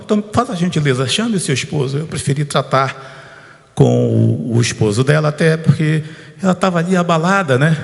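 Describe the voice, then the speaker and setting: A man preaches at a church service with a voice a little higher than most men's. His delivery is informal and chatty, with a personal story and frequent calls to the congregation. His voice carries a long reverb from the church hall. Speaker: pastor. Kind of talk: conversational sermon.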